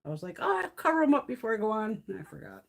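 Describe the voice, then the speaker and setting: A middle-aged woman from Connecticut, USA, hosts a beauty live stream, telling stories in casual chat while swearing freely and laughing often. Her slightly high voice is very animated and fast, with vocal fry, and it's starting to wear out.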